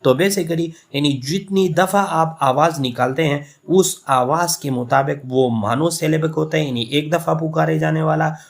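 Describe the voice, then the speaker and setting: A man's voice: on the high side, steady tone, normal speed, vocal fry, few pauses. A man from Pakistan, an English literature professor, giving a recorded lecture and explaining patiently by restating points and repeating example words.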